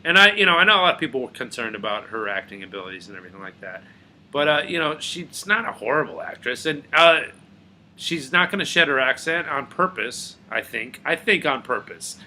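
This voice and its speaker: A young man rambling in a casual, profane video rant, veering between low mutters and loud outbursts. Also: big pitch swings, brisk. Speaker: video blogger.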